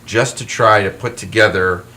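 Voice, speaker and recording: A man with a lowish voice talks at normal speed, with slight background noise behind him. He's an author and wrestling historian guesting on a casual talk show, animated and self-deprecating, frequently starting over mid-thought.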